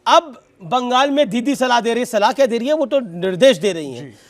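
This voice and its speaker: A man with a very high voice moderates a televised debate. He needles his guests and stretches his questions out slowly. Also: expressive. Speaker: debate anchor.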